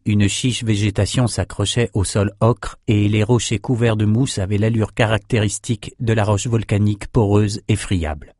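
A man narrating a fantasy audiobook in an even, measured reading. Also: lowish voice, dry recording, studio quality.

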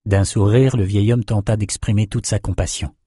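Male narrator, fantasy audiobook, measured delivery, dry close sound. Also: lowish voice, steady tone, mellow, breathy edge, no echo. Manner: measured storytelling.

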